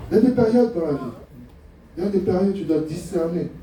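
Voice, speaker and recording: A middle-aged male pastor from France preaching with humor and rhetorical questions. His mellow, dark-toned voice rings through a very echoey church hall and sounds set back from the mic. A faint hiss sits under it. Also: high-pitched, animated, quick pace, distant mic. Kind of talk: sermon.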